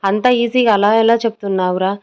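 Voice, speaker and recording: A woman voicing an excitable, teasing young man, a best friend, in a dull lo-fi audio story recording. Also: medium pitch, fairly quick, smooth, natural voice. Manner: loud and teasing.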